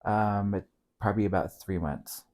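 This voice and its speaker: A middle-aged man, a podcast guest, telling a long story in a relaxed, rambling way with many fillers. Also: fairly low pitch, moderate pace. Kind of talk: casual storytelling.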